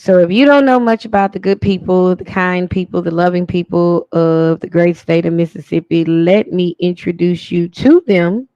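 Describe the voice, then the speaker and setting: A man's voice: sits high, normal speed, few pauses, a little mellow, smooth, no room sound, dull audio. A man hosting a live stream, talking pointedly about community and accountability with repeated phrasing. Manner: pointed, repetitive cadence. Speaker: livestream host. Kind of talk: live commentary.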